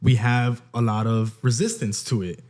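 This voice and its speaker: A man's voice: medium pitch, fairly even intonation, normal speed, a little mellow. A young man co-hosting a podcast, explaining ideas reflectively and often checking in with "right?". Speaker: podcast co-host. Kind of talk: casual chat.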